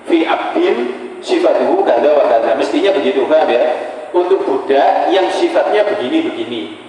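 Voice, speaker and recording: A man's voice: medium pitch, lively intonation, brisk, dark tone. A man teaching Islamic jurisprudence to a class, glossing Arabic phrases in Indonesian and often asking whether the students follow. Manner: explains Arabic text in Indonesian, checks understanding often. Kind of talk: classroom lecture. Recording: echoey hall, distant mic, faint noise.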